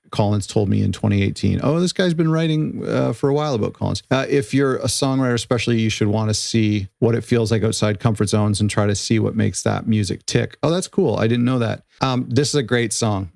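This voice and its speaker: Gravelly-voiced man rambling through a reaction. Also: lowish voice, steady tone, fairly quick, darkish tone, dry recording, clean studio sound. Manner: rambling, frequent restarts and self-corrections. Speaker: music reaction channel host. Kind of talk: casual reaction commentary.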